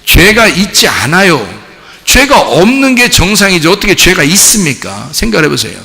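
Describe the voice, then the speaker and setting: A male pastor with a high, creaky voice preaches at a moderate pace, his words trailing into a long reverb in a church sanctuary. His sermon is lively, full of rhetorical questions to the congregation and little acted-out scenes with dialogue.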